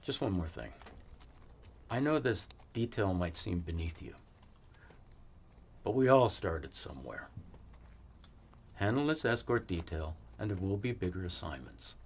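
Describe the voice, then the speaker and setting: An actor playing a weary cavalry fort commander in a western film, giving measured, authoritative orders. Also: male voice, deep voice, big pitch swings, a little hiss or hum, exaggerated voice. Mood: stern. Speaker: army post commander.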